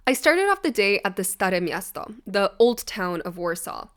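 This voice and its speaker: A woman's voice: mid-range voice, sing-song, moderate pace, fairly bright tone. A woman vlogger reading a sponsor spot and narrating her trip, bubbly and chatty. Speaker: vlogger and street interviewer. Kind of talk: casual vlog narration and street interviews.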